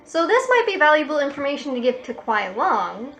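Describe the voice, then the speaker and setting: Higher-voiced woman thinking aloud at a game. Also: very animated, a little fast, fairly bright tone. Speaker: player. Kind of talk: playing a tabletop game.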